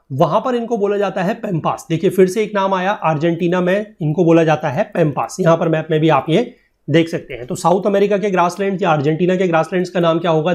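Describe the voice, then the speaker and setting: A man's voice: high-pitched, a little mellow. A man teaching a geography lesson for exam preparation, explaining patiently and often checking that students follow. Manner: explains patiently, checks understanding with tag questions; mixes English textbook lines into Hindi explanation. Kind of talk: exam-prep lecture.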